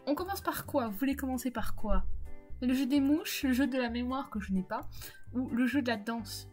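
A woman's voice: high voice, moderate pace, darkish tone, faint music behind. Chatty, laughing woman streamer. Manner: chatty, laughs often, talks to chat. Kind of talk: casual live-stream chat while gaming.

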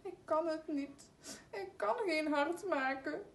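A woman's voice: sits high, slow pace, voice pushed up. A woman voicing a little girl bear cub who is eager and earnest, with a childlike, insistent manner, read aloud from a storybook. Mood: sad. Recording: echoey room, mic at a distance.

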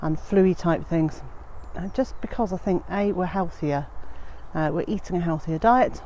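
Out in a frosty garden, a woman in her fifties chats casually into a handheld phone held at arm's length for her homesteading vlog. She sounds fairly low and mellow, moderately paced and a little congested with a cold, saying "uh" often, over dull audio with a bit of hiss or hum.

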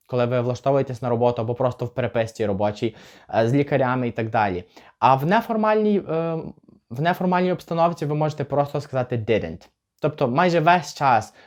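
A young man teaching a beginners' English lesson, explaining grammar and slowly modelling example sentences for learners to repeat. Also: mid-range voice, a little mellow. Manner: slow, careful model pronunciation of example phrases.

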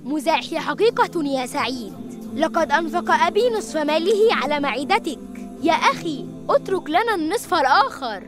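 Here the cartoon's cheeky young boy speaks in a high-pitched, sing-song way at normal speed while music plays behind him. Voiced by an actor, he mocks and teases his siblings with sarcasm.

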